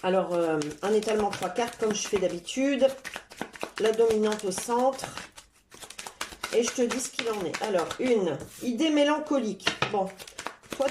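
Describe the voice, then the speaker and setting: Lady doing a card reading, slow and chatty, lots of euh, voice kinda high, echoey room. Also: background noise. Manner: chatty and unhurried, full of "euh" fillers; stops to talk to her cat. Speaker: tarot card reader. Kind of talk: casual card-reading guidance.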